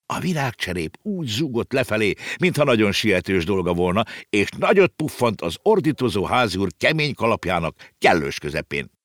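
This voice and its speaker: A man narrating an audiobook with lively storytelling. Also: lowish voice, no room sound.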